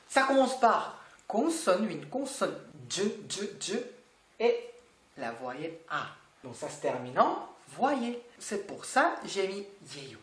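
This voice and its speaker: A language teacher walks through a lesson slowly and patiently, repeating each word and asking the learner questions back. The pitch rises and falls a lot as they explain. The voice sounds roomy, with a clear echo. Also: fairly bright tone.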